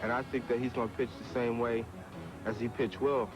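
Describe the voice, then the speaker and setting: A man, a professional baseball hitter, answering interview questions haltingly and repeating fillers. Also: mid-range voice, flat delivery, poor audio. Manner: halting, repeats "you know".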